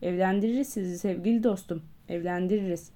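A woman's voice: on the low side, fast, mellow, natural voice. A woman voicing a jovial, backslapping older male postmaster in an audiobook, hearty and boisterous. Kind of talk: audiobook character voice.

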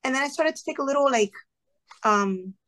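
High-pitched and brisk, this woman in her thirties is a former classroom teacher of Cuban family background appearing as an interview guest. She earnestly recounts her story in conversation, animatedly voicing the people she quotes through lively asides.

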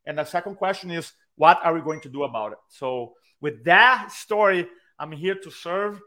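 A man with a Brazilian accent and a slightly high voice talks at a moderate pace. He is a speaking coach and an animated storyteller, acting out quotes during a podcast interview he joins by video call from his own room.

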